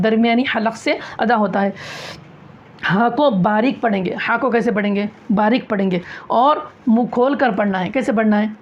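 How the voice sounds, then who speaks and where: A woman teaching a recitation class, asking questions, answering them herself and repeating key phrases. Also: a little high. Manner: demonstrates sounds aloud, loud and drawn out. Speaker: tajweed teacher. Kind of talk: classroom lesson on Quran recitation. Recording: dull lo-fi classroom recording.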